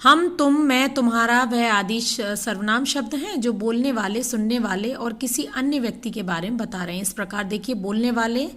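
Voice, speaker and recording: A woman teaching a grammar lesson to children, explaining slowly, addressing them directly and reading example sentences aloud. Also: a little high, a bit bright.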